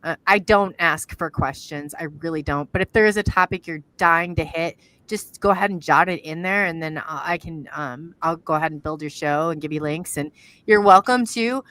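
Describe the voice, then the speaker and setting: Speaking at a moderate pace in a low, slightly bright voice, a middle-aged Iowan woman hosts a casual live-stream chat as a podcast host. She is chatty and rambling, trailing off as she works the screen, and the video-call audio is poor.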